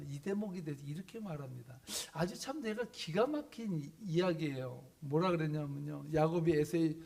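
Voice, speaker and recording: A pastor with a slightly higher male voice delivers a sermon. He moves between calm explanation and acted-out dialogue for the story's characters. He often turns to the congregation with questions. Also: vocal fry. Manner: animated storytelling, acting out biblical characters' lines.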